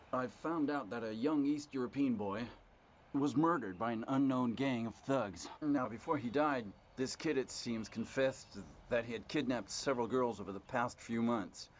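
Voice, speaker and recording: A man playing a measured private investigator. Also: medium pitch, natural voice. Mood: grim. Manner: measured and matter-of-fact. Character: discreet male private investigator, matter-of-fact. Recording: dull lo-fi dubbed film audio with faint hiss.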